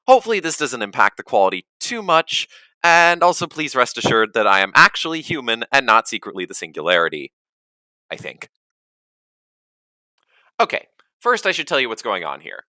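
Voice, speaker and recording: A man's voice: on the low side, sharp tone. A man narrating a gameplay video in a scripted way, with wry, self-deprecating humor. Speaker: gaming video creator.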